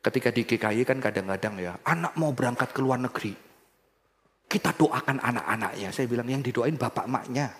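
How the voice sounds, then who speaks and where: A man preaching a sermon, swinging between soft low passages and loud, high emphatic bursts, and addressing the congregation directly. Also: expressive, fairly quick, long reverb tail. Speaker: pastor.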